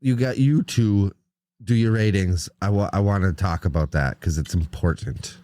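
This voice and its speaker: A man co-hosting a casual movie-review podcast, talking in an animated, profane, emphatic way. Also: on the low side, normal speed, no room sound. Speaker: podcast co-host.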